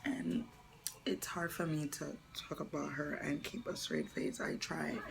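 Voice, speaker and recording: Slow, gravelly-voiced young woman vlogger. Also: low voice, sing-song, background noise. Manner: soft, halting, often slipping into a whisper; tearful and earnest. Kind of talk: personal story vlog.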